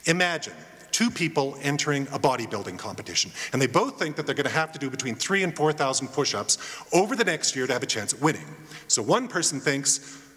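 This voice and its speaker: A man's voice: mid-range voice, very animated, fast, a bit bright. A middle-aged man giving a keynote podium speech in a conversational, jokey, self-deprecating manner. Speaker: keynote speaker, college alumnus. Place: large hall at a graduation ceremony. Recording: echoey hall with long reverb.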